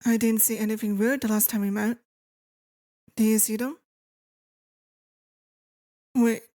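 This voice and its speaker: A sweet, eerily obsessive yandere wife played by a woman in a soft ASMR ASMR role-play. Her voice is fairly high yet mellow and very even, with slow, deliberate phrasing. She sounds calm, controlling and possessive, recorded close and dry. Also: dry recording. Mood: feigned concern.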